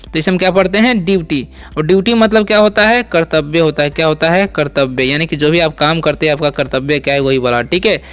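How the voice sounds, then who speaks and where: A man's voice: on the high side, steady tone, fast talker, a bit bright, smooth. A young man teaching English word pronunciation, repeating each word and quizzing the listener. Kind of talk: spoken language lesson.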